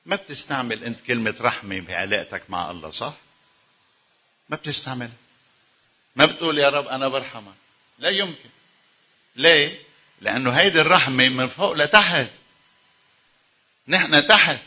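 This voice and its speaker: Husky, bright-voiced Lebanese preacher man. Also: mid-range voice. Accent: Lebanese Arabic. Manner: emphatic, with rhetorical questions to the audience. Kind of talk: sermon to a congregation.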